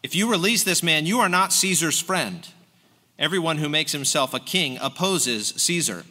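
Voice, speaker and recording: A man's voice: on the high side, lively intonation, normal speed, sharp tone. A man reading the lines of an angry crowd, raised and insistent. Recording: long hall reverb.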